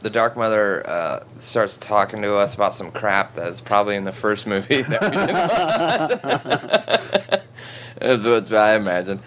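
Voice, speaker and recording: A man's voice: fairly low pitch, lively intonation, a little slow, fairly bright tone. A man casually recapping a movie plot with friends, joking and swearing as he rambles.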